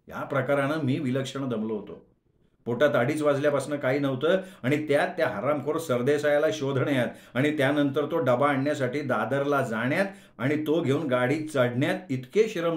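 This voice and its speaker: A man narrating a humorous short story as a storyteller, in an expressive, dramatic way. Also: on the high side. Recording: echoey room.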